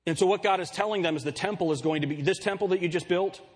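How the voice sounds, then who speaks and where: A man's voice: high-pitched, fast, husky. A middle-aged man preaching a sermon, joking and asking the congregation questions, with a light, nasal voice. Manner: jokey, animated preaching with rhetorical questions. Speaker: pastor.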